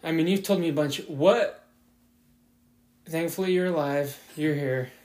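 A man hosting a podcast, asking questions in a relaxed, casual way. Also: on the high side, measured pace. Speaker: podcast host. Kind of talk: casual interview chat.

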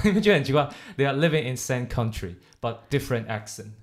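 A man's voice: medium pitch, big pitch swings, fast. A young man chatting casually, explaining at length and mixing English words and phrases into his talk. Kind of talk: casual chat.

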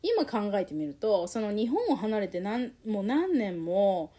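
A woman tells a personal story, her pitch swinging widely as she grows emotional. Her voice is mellow and soft-edged. She talks candidly and reflectively, with many fillers and pauses. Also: big pitch swings.

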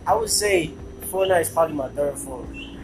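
A man's voice: a little high, wildly swooping pitch, a little fast, creaky, noisy background. A young man, a podcast guest, argues and teases in casual slangy banter. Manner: argumentative, teasing.

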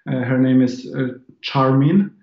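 Steady and measured, a mid-range male voice comes through a roomy recording with the highs cut off. The speaker, a man in his thirties from Poland, chats in Polish-accented English as an interview guest, meandering and restarting often.

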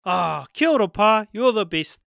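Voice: mid-range voice, animated, normal speed, creaky, a bit bright, no echo, clean studio sound. A narrator voicing an eager, unsure young grandchild in storybook dialogue, with a Māori New Zealand accent and informal questioning manner. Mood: excited. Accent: Māori New Zealand English.

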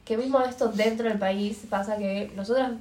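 A woman's voice: medium pitch, moderate pace. Young Argentine woman in an echoey room. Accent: Buenos Aires Rioplatense Spanish. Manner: relaxed conversational storytelling. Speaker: podcast co-host. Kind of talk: casual chat. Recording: roomy echo.

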